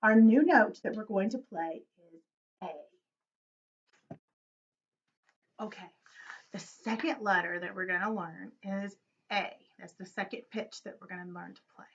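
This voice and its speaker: A woman's voice: mid-range voice, a little slow, long pauses, muffled recording. A woman teaching children a recorder lesson, encouraging them and chanting rhythms aloud. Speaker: music teacher.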